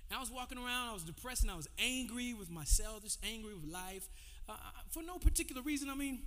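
A man in his forties preaching to his congregation, his voice sitting high. He moves between call-and-response and a loose, conversational telling of his testimony. The sound rings out with a long reverb from the church hall. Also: expressive, fast talker, pushed and bright, faint music behind. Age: 40s. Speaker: pastor. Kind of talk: sermon. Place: church sanctuary.

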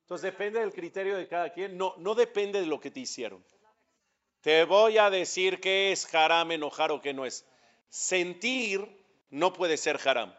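A rabbi with a Mexican Spanish accent gives a religious lecture, putting questions to the audience and building to emphatic peaks. His voice sits high and is a bit bright, his pace unhurried. The sound is lo-fi.

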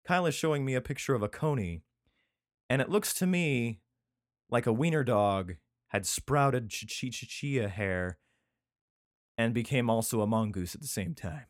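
A man's voice: mid-range voice, normal speed, no echo, studio quality. A man reading scripture aloud in an irreverent, profane way, breaking off into rambling casual asides. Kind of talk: casual comedic reading and chat. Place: indoor room with a cat.

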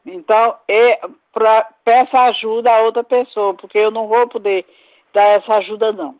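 A woman's voice: on the high side, steady tone, normal speed, no echo. A woman answering a prank phone call over a landline, curt and irritated, swearing back at the caller. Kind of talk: phone conversation. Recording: tinny phone line with faint noise.

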